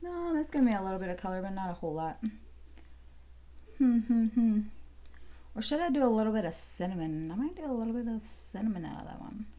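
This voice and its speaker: A woman's voice: on the high side, sing-song, fast, mellow. A woman in her thirties chatting casually through a makeup tutorial at home, rambling and thinking aloud with lots of fillers. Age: 30s. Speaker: beauty vlogger.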